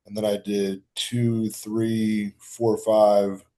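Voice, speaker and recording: Low, flat-voiced young man. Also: drawn-out words. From Baltimore, Maryland. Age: 20s. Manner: laid-back, slangy, rambling with restarts. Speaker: guest bodybuilder. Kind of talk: casual podcast chat.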